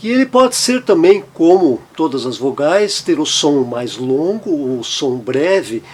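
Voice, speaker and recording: Guy teaching pronunciation, kinda husky, voice a bit on the high side, says example words over and over. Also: big pitch swings. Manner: explanatory, repeats example words slowly. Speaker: German language teacher. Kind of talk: pronunciation lesson.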